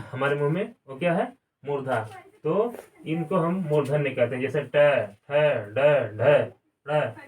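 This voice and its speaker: Male teacher, classroom lesson, asks and answers his own questions, distant mic. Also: fairly high pitch. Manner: asks a question and answers it himself, repeats key words. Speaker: grammar teacher. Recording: distant mic, some room sound.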